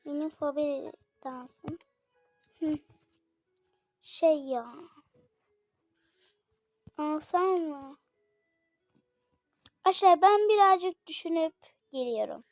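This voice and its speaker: Woman, high voice, casual game commentary for viewers, chatty and excitable, slightly unwell, dry dull lo-fi mic. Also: slow pace, pauses often, no room sound, soft background music. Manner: chatty, addresses viewers often, excitable exclamations. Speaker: gaming channel host.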